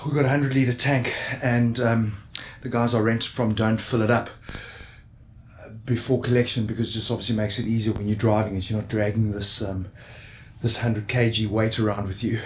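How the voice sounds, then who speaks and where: A man's voice: fairly low pitch, little pitch movement, moderate pace, a little hiss or hum. Chatty South African man vlogging. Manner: chatty, joking, self-deprecating. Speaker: travel vlogger. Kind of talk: casual vlog chat. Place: motorhome camp beside a racetrack, outdoors.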